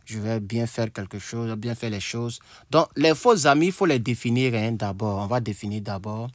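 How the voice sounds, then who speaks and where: A man teaching an English lesson at a board, slowly repeating himself and thinking aloud. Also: medium pitch, dry recording. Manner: slow, repetitive, thinking aloud with asides.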